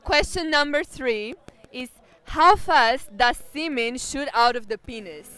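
A woman running a street interview, briskly reading out quiz questions outdoors at night. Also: high voice, bright, forceful tone, clear, resonant tone, no room sound.

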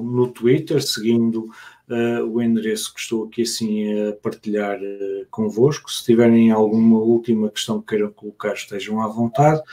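A man hosting a live online talk, speaking haltingly with many filler sounds. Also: medium pitch, a little mellow. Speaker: host.

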